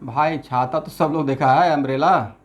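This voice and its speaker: Male tutor, slightly high voice, classroom lecture, quizzes students. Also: steady tone, moderate pace. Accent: Assamese-influenced Hindi. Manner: mixes Hindi with English terms, asks class questions constantly. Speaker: chemistry teacher.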